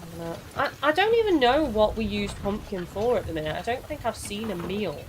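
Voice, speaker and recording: Her voice tired from recently losing it, a young woman talks her way through a live game stream, welcoming viewers and chatting in a rambling manner. She speaks briskly in a mid-range voice with big swings in pitch, and the audio is poor with a little background noise.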